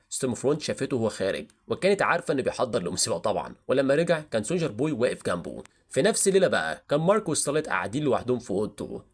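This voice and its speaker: A man tells a dramatic story in Egyptian Arabic at a very rapid pace. His voice is husky, and his pitch rises and falls in a lively way. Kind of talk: scripted fan-fiction narration.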